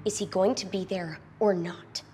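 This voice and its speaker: A young woman playing a sharp-tongued, no-nonsense actress in a scripted comedy, curt and sarcastic. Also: medium pitch, fairly even intonation, moderate pace, faint music behind, natural voice. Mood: irritated. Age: young adult.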